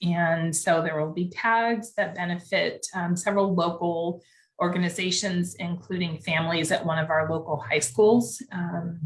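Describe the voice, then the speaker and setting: A woman's voice: lowish voice, fairly even intonation, moderate pace. A woman pastor in casual chat, steadily explaining upcoming church events, recorded at church. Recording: echoey room.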